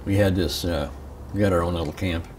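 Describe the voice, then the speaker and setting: An older man, a veteran, remembering his service in an interview, haltingly and with pauses. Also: sits low, steady tone, darkish tone. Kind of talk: interview reminiscence. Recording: distant mic, clear background noise.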